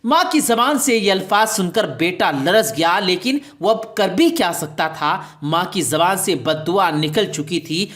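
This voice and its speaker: A woman's voice: lowish voice, animated, hardly any pauses, fairly bright tone. A woman storyteller giving a scripted, dramatic narration of a moral tale.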